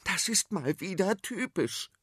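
A man voicing a shrill, bossy, dramatic queen in a storybook. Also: lively intonation, measured pace, fairly bright tone, breathy edge, no room sound, clean studio sound, heavily acted. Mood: indignant. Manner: shrieking, scolding.

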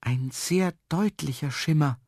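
A man voicing a small, cheerful man in a storybook reading, high and eager. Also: measured pace, a little mellow, slightly rough, no echo, studio quality. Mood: excited.

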